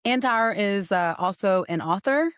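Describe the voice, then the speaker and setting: A woman's voice: mid-range voice, animated, measured pace, fairly bright tone, smooth, dry recording, studio quality. A woman in her thirties hosting a podcast, chatting playfully and teasing her guest before telling a story. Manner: playful, teasing, laughs often. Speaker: podcast host. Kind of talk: casual interview chat.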